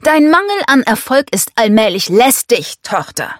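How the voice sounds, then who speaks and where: A woman's voice: a little high, very animated, moderate pace, dry recording, studio quality, voice pushed up. A woman doing a domineering harsh rich father. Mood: commanding, scornful. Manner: commanding, scornful.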